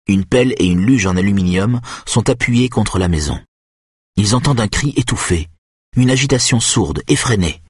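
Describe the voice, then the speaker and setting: A man reading a tense thriller aloud as an audiobook narrator, in measured, steady storytelling. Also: on the low side, breathy edge, no room sound, studio quality.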